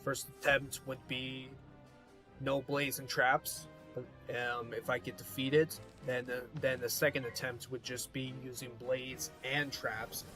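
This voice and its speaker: A man gives casual game commentary in a medium-pitched voice. He rambles and repeats himself as he explains, with faint music in the background. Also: flat delivery, takes it slowly, bright, forceful tone. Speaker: gaming video host.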